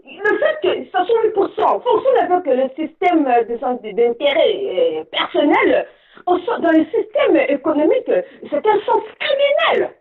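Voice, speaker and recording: An indignant woman calls in over a tinny phone line, and her voice sounds distant and echoey. Her lively, fairly high voice swings widely in pitch as she pushes on through many hesitations. She builds to near-shouting. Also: a little slow. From Republic of the Congo. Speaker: caller. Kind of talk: impassioned call-in commentary.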